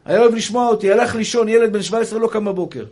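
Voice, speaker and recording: A young male rabbi delivers a fervent sermon in a notably high voice. He pleads and scolds his listeners and keeps calling each of them brother. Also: a little mellow. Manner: impassioned preaching, addressing listeners as brother.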